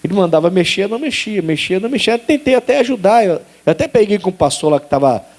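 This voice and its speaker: A male pastor preaching a sermon, animated, rising to sharp high exclaims and acting out dialogue. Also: fast talker. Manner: acts out quoted dialogue.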